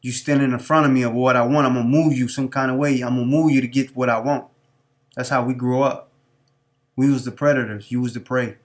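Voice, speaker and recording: A man's voice: medium pitch, steady tone, fairly quick. Preachy man in a street-talking monologue. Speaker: live stream host. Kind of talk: unscripted monologue.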